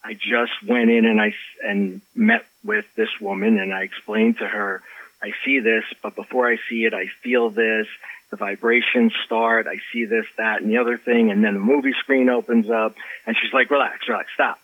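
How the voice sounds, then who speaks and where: With a fairly low voice at a moderate pace, a man who is an author and life coach tells an interviewer a personal story, animatedly acting out quotes and restarting frequently. The recording lacks room sound and is slightly dull lo-fi.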